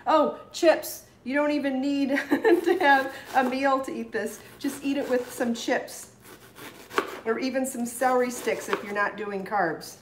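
Her voice on the high side, a middle-aged woman chats and explains while chopping, hosting a live cooking demonstration in her home kitchen. It's recorded by a fixed camera across the counter, with kitchen echo and the sound of a knife on a cutting board.

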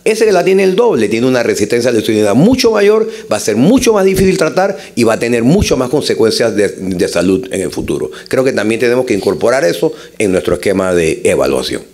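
A man's voice: medium pitch, big pitch swings, fast, few pauses, a little mellow. Older Panamanian man making conference remarks. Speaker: conference delegate. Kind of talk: formal but extemporaneous conference remarks. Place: large conference hall. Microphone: gooseneck table microphone.

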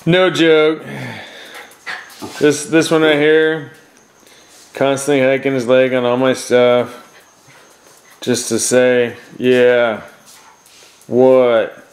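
A man's voice: medium pitch, level tone, slow, long pauses. A man at home chatting playfully to his dogs on camera, in a teasing, baby-talk way. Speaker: vlogger and dog owner. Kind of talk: casual chat to pets on camera. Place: home, indoors. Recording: roomy echo, faint noise.

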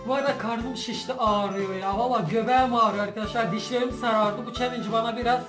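A woman chatting casually to her viewers as a challenge host, animated and giggly, trying not to laugh. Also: on the high side, fast. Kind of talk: casual vlog chat to viewers. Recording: roomy echo, music behind.

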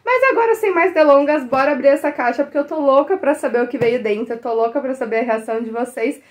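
A young adult woman with a Brazilian Portuguese accent, a teacher chatting excitedly to the camera as she unboxes stationery and breaks into delighted exclamations. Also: high voice, quick pace. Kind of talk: casual unboxing chat to the camera.

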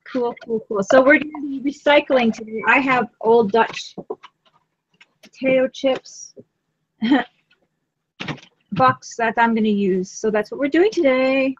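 A woman's voice: a little high, slow pace, pauses often, slight background noise. Chatty woman hosting a lo-fi craft stream. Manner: chatty, easygoing, talks while working. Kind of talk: casual live craft-stream chat. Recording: lo-fi live-stream audio.

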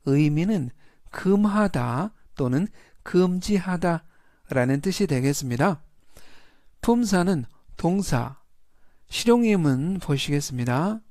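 A man leads a scripted vocabulary lesson, pronouncing each English word and example with slow, careful emphasis. His voice sits a little high and the recording is dry and close, with no room sound. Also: lively intonation, a little mellow, no echo.

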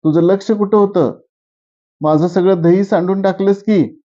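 A man's voice: high voice, steady tone, normal speed, mellow, lightly acted. A man reading a story aloud voices an angry middle-aged woman who sells curd, scolding with accusing questions. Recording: dull lo-fi recording.

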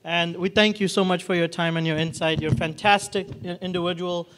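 A man in his thirties hosts a college event, talking freely with frequent restarts and fillers. His voice sits high for a man. He holds a handheld microphone in a large hall. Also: fairly even intonation, noisy background. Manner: halting, many restarts and fillers. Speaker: event host. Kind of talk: unscripted event hosting. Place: large hall with red walls and a projection screen.

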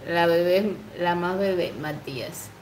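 A woman in her twenties chats on a livestream in a slow, unhurried way, reading out comments and giggling between them. She coos baby talk to her pet. Her voice carries the echo of a bare room with a faint hum behind it. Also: on the low side, darkish tone. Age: 20s. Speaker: livestream host.

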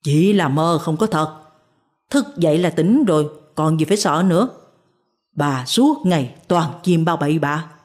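A woman voicing a stubborn older husband in a spoken story who brushes off his wife's worries in a brisk, scolding way. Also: sits low, expressive, a little mellow. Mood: dismissive.

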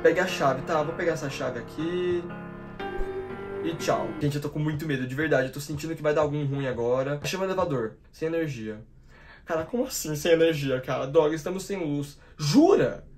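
A nineteen-year-old Brazilian man plays a horror game and talks straight to his viewers in slangy, excitable Portuguese. He spooks easily, shrieking and repeating words in bursts of panic, his voice sitting a little high. Game music plays clearly behind him. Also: brisk. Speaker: gaming YouTuber. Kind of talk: horror gameplay commentary.

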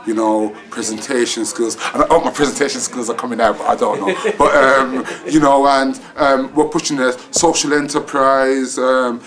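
Give me a man from a social enterprise giving a vox pop interview at a middle pitch. He rambles and fills his talk with fillers. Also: fairly even intonation, normal speed, few pauses, a bit bright.

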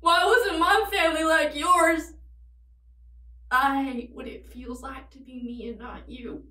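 A woman's voice: high-pitched, little pitch movement, measured pace, sharp tone. A young woman playing a desperate, sorrowful tragic heroine in a dramatic monologue, pleading and confessing in anguish. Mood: tearful, desperate. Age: young adult. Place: indoors against a plain backdrop. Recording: roomy, distant microphone.

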